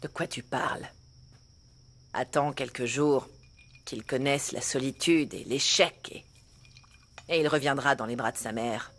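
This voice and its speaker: A woman's voice: very deep voice, unhurried, pauses often, a bit bright, exaggerated voice. Cold arrogant mother. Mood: haughty. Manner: haughty, dismissive. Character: arrogant cold-hearted woman, scornful mother. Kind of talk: dubbed telenovela acting.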